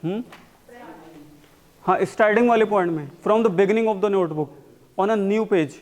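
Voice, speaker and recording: A man teaching a spoken English class, mixing Hindi and English and slowly repeating words for his students to copy. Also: sits high, darkish tone. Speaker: English communication coach.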